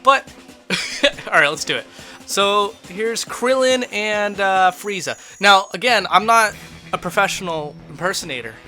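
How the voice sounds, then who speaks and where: This video host, a man, gives loose, chatty commentary on a game tour, often poking fun at himself while music plays underneath. He sounds high and sharp, animated but speaking a little slowly.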